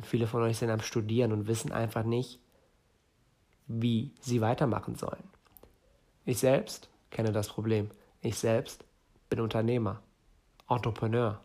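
A man's voice: fairly low pitch, a little mellow. A man in his late twenties from northern Germany, hosting a solo podcast and giving listeners direct career and startup advice. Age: 20s. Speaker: podcast host.

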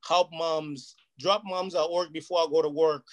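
This is a man whose first language is Portuguese, talking as a guest in an informal interview. His voice is a little high and steady in tone at a normal speed, and he speaks earnestly and at length, often asking "you know what I mean".

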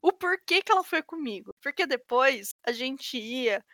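Young woman, animated slangy storyteller, somewhat high voice, dry close sound. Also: normal speed, no echo. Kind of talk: casual chat.

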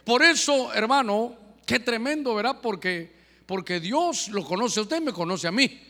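A man's voice: high-pitched, normal speed. A man preaching a sermon in a church hall, talking straight to the congregation and acting out little scenes. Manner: animated, addresses the congregation directly, acts out little scenes.

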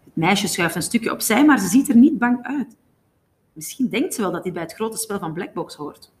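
A woman narrating a novel in a steady, even storytelling manner. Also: mid-range voice, normal speed. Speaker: audiobook reader.

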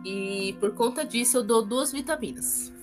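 A woman co-host chats through a movie review in a relaxed, rambling way. Her voice sits a little high. A clear music bed plays under her words. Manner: chatty, drawn-out summarizing with fillers. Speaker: podcast co-host. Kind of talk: casual movie review chat.

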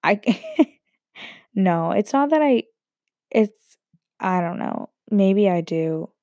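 Fighting off a cold, a young adult woman sounds throaty as she slowly tells a personal story in her medium-pitched voice. She rambles and jokes, animated and self-interrupting, in a clean studio recording with no echo.

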